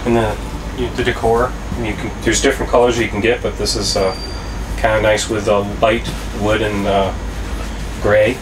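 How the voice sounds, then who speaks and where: A man giving a casual, halting, explanatory walk-through from inside a small trailer. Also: on the low side, flat delivery. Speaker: RV vlog host. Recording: noisy small trailer interior, air-conditioning hum.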